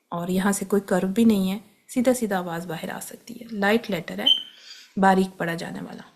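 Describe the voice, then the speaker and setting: Woman, tajweed teacher, patient step-by-step lesson, slow drawn-out sound demos, Pakistani Urdu accent. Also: medium pitch, a little mellow. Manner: demonstrates sounds slowly, repeating each several times; patient, step-by-step instruction mixing in English terms. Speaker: Quran recitation teacher. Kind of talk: tajweed lesson explaining letter articulation.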